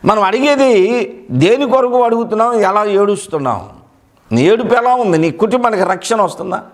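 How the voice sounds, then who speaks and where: A man's voice: high-pitched, animated, fairly quick. A male pastor preaching a sermon, emphatic and repeating key phrases for weight.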